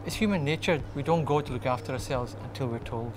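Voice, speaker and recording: A man's voice: medium pitch, quick pace. A man in his forties from Glasgow, giving a testimonial of his views. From Glasgow, Scotland. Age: 40s. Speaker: community member giving views. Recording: clear background noise.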